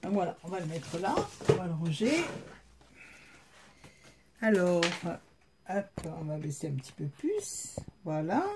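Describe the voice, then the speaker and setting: Speaking to her viewers directly, this haul vlogger shows off her purchases in a casual, filler-packed chat. She's a woman with a Southern French accent and a lowish, sing-song voice, a little slow and full of pauses. The background is noisy.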